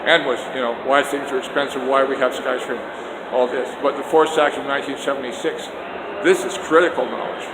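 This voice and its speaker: Filming on a phone on a selfie stick, an older Canadian vlogger talks politics loudly and with emphatic, often indignant energy, rambling at a fairly quick pace with medium pitch and fairly even intonation. He moves from outdoors into indoor stairs and a hallway, where the recording picks up long reverb and noise.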